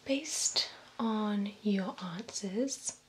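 A young adult woman, medium in pitch, whispers breathily as a slow vampire beautician in an ASMR role-play of personal attention. Her mood is attentive and gently teasing while her client care stays slow, soothing, and formal. A close binaural mic records the whisper over clear ambient noise.

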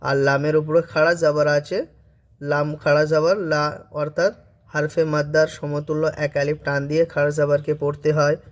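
A male teacher leads a Quran reading lesson, spelling out letters and reciting verses slowly while posing questions and answering them himself. His voice is a little high, with little pitch movement.

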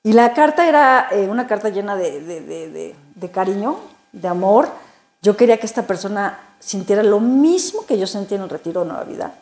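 A woman recounts a personal faith testimony in an interview. Her voice is mellow and warm, and her delivery is emotional and halting, full of repeated words and restarts. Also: medium pitch, expressive. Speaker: interview guest.

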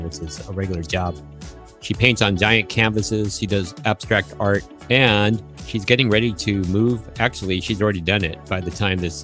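A man's voice: deep voice, fairly bright tone. A man hosting a podcast, talking casually and telling stories in an upbeat, chatty way. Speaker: podcast host.

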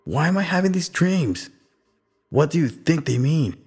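Man doing an anxious young boy, higher voice. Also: lively intonation, normal speed, darkish tone, slightly rough. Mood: pleading. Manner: pleading, shaken.

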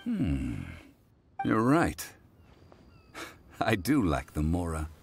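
A man voicing an ancient god living as a calm, dignified mortal, speaking in measured, formal sentences. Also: low-pitched, slight background noise, heavily acted. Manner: measured, formal, stately speech. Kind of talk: video game voice acting.

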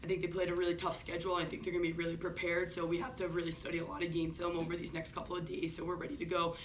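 A woman head coach answering questions at a postgame press conference, talking quickly with frequent ums. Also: fairly low pitch. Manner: quick, steady, many ums. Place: office-like room, indoors. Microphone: far camera. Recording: distant room mic with faint hiss.

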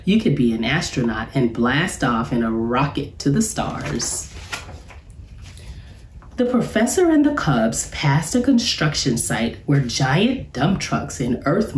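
A woman with a low-pitched voice reads aloud to children, speaking slowly and with animation. Her enunciation is deliberate and expressive as she addresses young listeners, and the recording sounds roomy and echoey.

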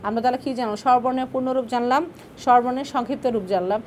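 A woman's voice: a little high, fairly even intonation, rapid-fire, darkish tone, slight background noise. A woman teaching an online grammar class, asking questions and answering them herself, patient and repeating key points.

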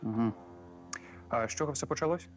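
An actor plays a brisk male detective who asks direct questions. He talks fast at a middle pitch, with faint music behind him. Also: natural voice. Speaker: police officer.

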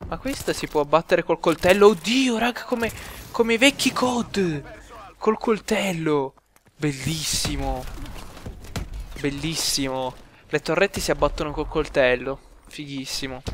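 A young man giving excitable live gameplay commentary, swearing and talking to his viewers. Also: fairly high pitch, a little hiss or hum. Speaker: gaming youtuber.

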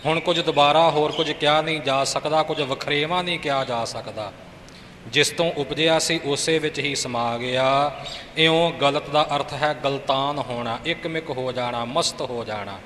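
A man's voice: on the high side, normal speed, fairly bright tone. A man teaching, patiently correcting pronunciation and explaining meanings, sometimes half-singing. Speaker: scripture teacher. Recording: reverberant room with faint noise.

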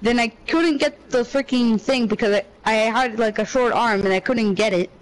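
A man's voice: very high voice, moderate pace, poor audio. A young man co-hosting a casual podcast, telling a rambling, slangy story full of profanity. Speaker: podcast co-host. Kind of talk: casual chat.

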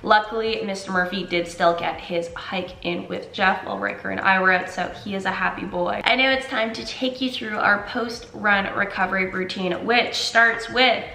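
A woman's voice: medium pitch, steady tone, normal speed, gravelly, few pauses, bright, forceful tone, slight background noise. A young woman chatting casually to camera at home, as a running vlogger. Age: young adult. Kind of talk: casual vlog chat to camera. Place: open living room indoors. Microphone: camera a short way off. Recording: echoey room at home.

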